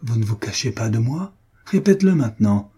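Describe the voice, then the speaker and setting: A man's voice: mid-range voice, sing-song, a little fast, mellow, husky. A man reading an anguished, jealous husband who pleads with his friend in emotional outbursts, in an audiobook. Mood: accusing.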